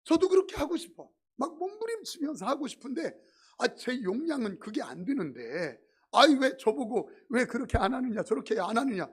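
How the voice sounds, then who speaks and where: A man's voice: very high voice, big pitch swings, moderate pace, husky. A middle-aged male pastor preaching a sermon in a church, mixing humorous stories with emphatic points. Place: church sanctuary.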